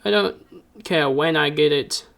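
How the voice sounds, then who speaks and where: A man voicing a cryptic, commanding old woman fortune teller in a tabletop game, with a slow, ominous delivery. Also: on the high side, vocal fry, a bit bright. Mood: ominous, demanding. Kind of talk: tabletop game role-play.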